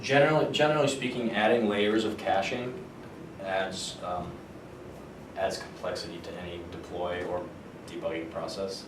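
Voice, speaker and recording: A man with a fairly low voice explains technical details informally, often halting to think aloud. He sounds some distance from the microphone in an echoey room, with clear rumbling noise behind him. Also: little pitch movement. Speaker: engineer giving a technical talk and answering questions. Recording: roomy, far microphone, noticeable low rumble.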